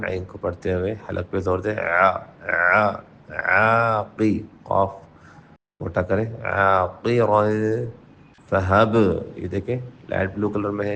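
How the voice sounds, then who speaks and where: Male Quran teacher, brisk explanations between slow chanted verses, low gravelly voice. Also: a little hiss or hum. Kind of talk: tajweed lesson with chanted recitation.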